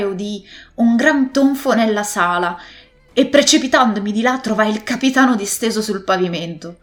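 A woman narrating a classic adventure novel as scripted narration, telling the story in a steady, expressive way. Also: fairly high pitch. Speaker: audiobook narrator.

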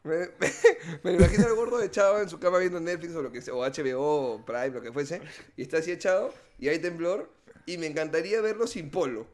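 A man's voice: fairly high pitch, fairly quick, darkish tone. A man co-hosting a comedy podcast, telling stories with slang and sound effects. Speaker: podcast co-host. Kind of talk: casual comedic banter.

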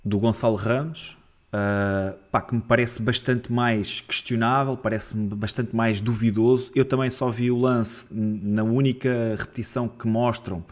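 A man with a European Portuguese accent co-hosting a football podcast, talking in a casual, animated way that turns heated and exasperated, with frequent restarts. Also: mid-range voice, unhurried. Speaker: co-host of a football club podcast. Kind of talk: casual football analysis chat.

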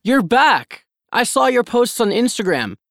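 A woman playing a friend welcoming back a traveler, with a lively, swinging pitch and a slow pace. The lines are scripted for learners, and the room sounds dry. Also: dry recording, heavily acted. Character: friend greeting a returning traveler. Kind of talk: scripted dialogue for English learners.

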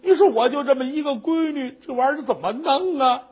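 A man voicing a poor middle-aged widow who sobs and pleads in drawn-out wails. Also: very high voice, expressive, darkish tone, voice pushed up. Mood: weary telling.

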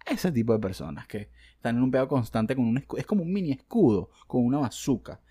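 A man with a Venezuelan accent doing a profane comedic rant. He sounds exasperated and crude, swinging from mutters to shouts. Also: medium pitch, lively intonation, a little fast, husky, no room sound, studio quality. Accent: Venezuelan Spanish.

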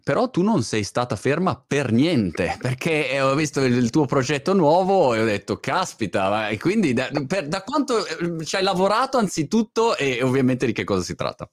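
Male interviewer, casual and informal, highly varied pitch, builds questions loosely with repeated words. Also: very animated, normal speed, few pauses, dry recording, studio quality. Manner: informal, feeling his way through questions with repeats. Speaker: interviewer, host.

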